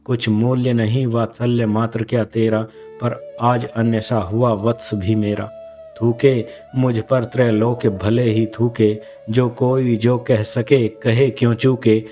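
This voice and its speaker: A man reciting the lines of a proud yet repentant queen mother in solemn, measured verse. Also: medium pitch, mellow, close to an everyday voice.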